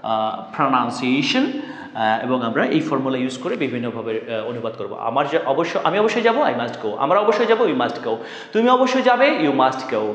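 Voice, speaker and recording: A man teaching a spoken English lesson, drilling translated phrases and stressing key words loudly. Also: a little high, highs cut off. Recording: echoey room with long reverb.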